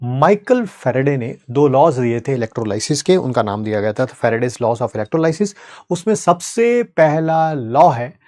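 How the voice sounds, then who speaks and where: A male chemistry teacher giving a lively, conversational lecture, mixing English terms and checking in with students often. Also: medium pitch, measured pace.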